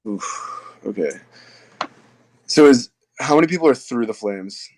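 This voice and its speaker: A man's voice: medium pitch, animated, measured pace, darkish tone, slight background noise, low-quality recording. A man playing a tabletop role-playing game, hesitant, asking questions and rewording himself. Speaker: player.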